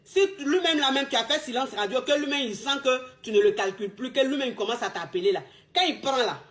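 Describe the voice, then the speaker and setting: A woman's voice: high-pitched, quick pace, a bit bright. A woman giving relationship advice as a coach, in a casual monologue with emphatic, repetitive street slang.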